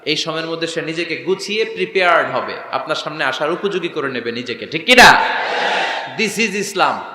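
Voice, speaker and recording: A man's voice: a little high, expressive, sharp tone. A man preacher giving a sermon, firing rhetorical questions at the crowd and acting out short dialogues. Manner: acts out dialogues in quick voices. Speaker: Islamic preacher. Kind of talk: Bengali waz sermon with sung recitation. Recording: echoey hall with faint noise.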